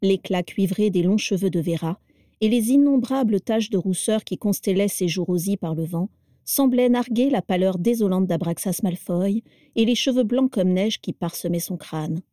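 A woman narrating a story in a calm, steady audiobook reading. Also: mid-range voice, moderate pace, no echo, clean studio sound.

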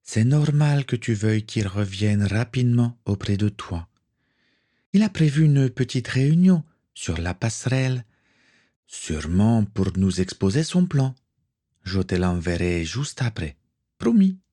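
A man voicing a young woman on a ship's crew, gentle and reassuring in an audiobook reading. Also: fairly low pitch, big pitch swings, a little slow. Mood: gentle caring. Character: young woman, caring and cheerful crew member.

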